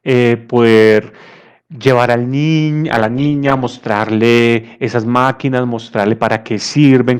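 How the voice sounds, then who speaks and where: A male psychologist gives a conference talk, conversational and unhurried, repeating words as he searches for them. His voice sits in a plain middle range. He shifts easily into storytelling. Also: mid-range voice, clean tone. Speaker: psychologist giving a lecture.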